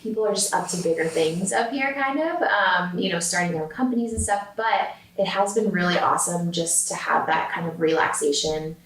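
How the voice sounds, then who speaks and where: A woman's voice: on the low side, fairly quick, hardly any pauses, a bit bright. A woman, chatting casually as an interview guest, full of "um" and "like". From San Diego, California. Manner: chatty, with many filler words and "like". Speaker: guest, food company founder. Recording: roomy sound, distant mic.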